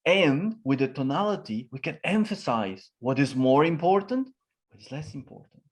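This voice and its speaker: This man's voice is slightly high and animated, at a moderate pace. Answering an interviewer as a communication specialist, he is emphatic, swings his intonation widely, and leans on fillers often.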